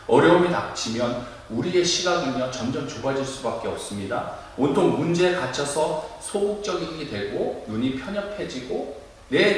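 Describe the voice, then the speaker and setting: Animated male pastor in echoey church. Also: mid-range voice, a little hiss or hum. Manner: animated preaching, acting out shouted cries. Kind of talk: sermon. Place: church sanctuary. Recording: echoey room, mic at a distance.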